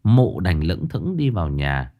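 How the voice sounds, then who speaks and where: A man narrates a story. His delivery is expressive and playful, with a pitch that rises and falls freely. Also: unhurried, muffled recording.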